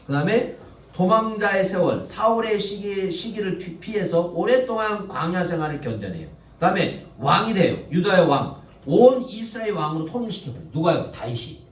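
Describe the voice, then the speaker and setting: A man's voice: sits high, very animated, normal speed. A male pastor preaching a Sunday sermon in a conversational way, often asking the congregation questions and answering them himself. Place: church sanctuary. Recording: echoey church, mic at a distance.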